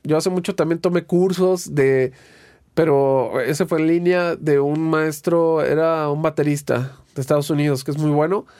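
A Mexican man in his younger years chats casually as an interview guest, his voice sitting a little higher than most men's. He wanders through stories in loose slang, restarting his sentences as he goes. The sound is dry and close, with no room around it. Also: normal speed, dry recording. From Guadalajara, Mexico. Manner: relaxed, rambling storytelling with slang and restarts. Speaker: guest, guitarist and producer.

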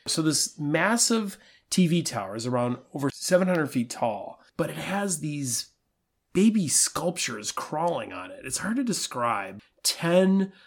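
A man's voice: on the high side, unhurried. Easygoing man travel podcast co-host. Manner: relaxed, easygoing, laughs at himself. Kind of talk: casual travel podcast chat.

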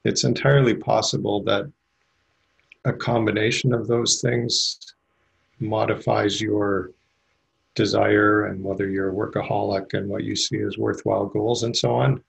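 A man's voice: on the low side, flat delivery, unhurried, vocal fry, breathy edge, poor audio. A middle-aged man speaking on a handheld mic at a meditation meetup, rambling and candid with many fillers. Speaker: meditation group member. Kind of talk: group discussion share. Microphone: handheld mic passed around.

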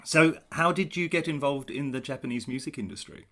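A man's voice: medium pitch, brisk, a bit bright. A man hosting an interview, asking questions and giving frequent short agreements. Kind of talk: casual interview.

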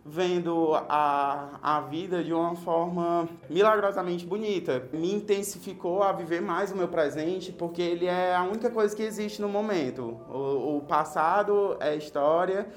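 A man's voice: high-pitched, unhurried, hardly any pauses, echoey room. A man who survived an accident, speaking reflectively and hesitantly about gratitude. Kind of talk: reflective testimony.

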